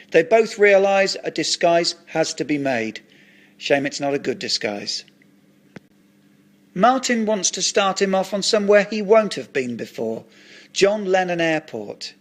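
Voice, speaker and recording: A man narrating a comic audio story in a dry, matter-of-fact tone. His voice sits slightly high for a man, and the delivery stays even and scripted.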